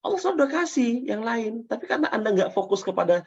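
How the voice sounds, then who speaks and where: A man's voice: extremely high pitch, brisk, gravelly, slightly rough. A man coaching a live class on self-talk, acting out little example dialogues and often asking the audience questions. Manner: lively, acts out short example dialogues; repeats and asks the audience questions. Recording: dull lo-fi sound.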